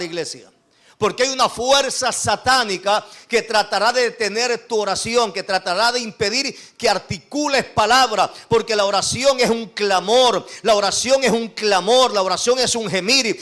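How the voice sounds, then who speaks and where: A man preaching an evangelical sermon to his congregation in Ecuadorian Spanish, swinging between loud calls and quiet asides. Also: very high-pitched. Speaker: apostle preaching to his church.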